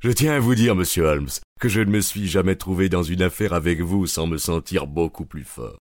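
A man reading an audiobook, voicing an excited police detective in a raised voice. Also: low-pitched, moderate pace, no room sound, studio quality, lightly acted. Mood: eager.

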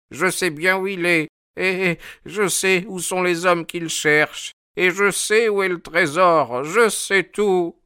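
A man reading a story aloud voices a stubborn, wheezing old sailor who talks in a high, querulous way. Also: sharp tone, clear, resonant tone, no room sound, clean studio sound. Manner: querulous, obstinate.

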